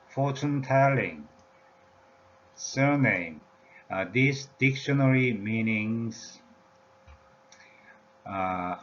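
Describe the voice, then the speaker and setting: Man, slow halting lecture, lots of "uh" fillers, low voice, dull lo-fi audio. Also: a bit bright. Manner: halting, many "uh" and "yeah" fillers. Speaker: language teacher. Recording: dull lo-fi recording with faint room noise.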